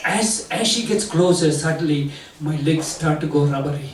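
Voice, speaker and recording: An older man from Sri Lanka telling a self-mocking comic story to an audience, jumping into high squeaks when he acts out his own panic. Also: unhurried, roomy sound, distant mic, a crowd in the background, rough recording. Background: audience laughter and room ambience.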